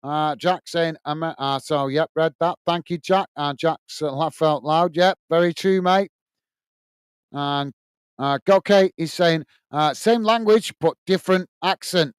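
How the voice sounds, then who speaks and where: A man hosting a live football watch-along talks in a strong Lancashire accent, describing the play and reading out viewers' comments with lots of "uh"s in a chatty style. The voice is a little high and measured in pace, smooth, with clean studio sound and no room sound.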